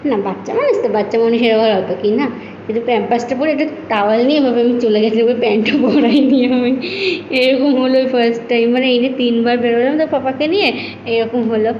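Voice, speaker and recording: A woman's voice: fairly high pitch, quick pace, darkish tone, slight background noise. A tired young woman, a new mother, chatting casually and rambling to her viewers in a home vlog filmed on a phone. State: tired from lack of sleep. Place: room at home. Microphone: phone camera. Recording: muffled, echoey room recording.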